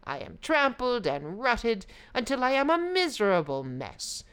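A woman's voice: fairly high pitch, sing-song, measured pace, a bit bright, clean tone, pitched above the performer's own voice, exaggerated voice. Weary talking road, bitter and complaining, raised voice, put on by a woman.

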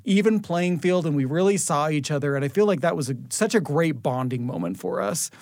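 Lighter, higher-voiced male podcast host. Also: lively intonation, a little fast, darkish tone, no echo, clean studio sound. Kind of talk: casual chat and announcing.

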